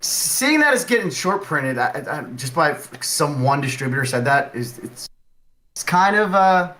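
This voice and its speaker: A man's voice: fairly high pitch, sing-song, moderate pace, sharp tone, slight background noise, low-quality recording. A man talking as a podcast guest in casual chat, rambling with lots of "like" and restarts. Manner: rambling, heavy use of "like" and restarts.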